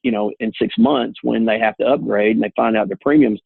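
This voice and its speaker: This insurance agent talks a little fast in a low-ish, creaky, husky voice with no echo, explaining things earnestly and plainly during a casual call. The line is tinny and dry.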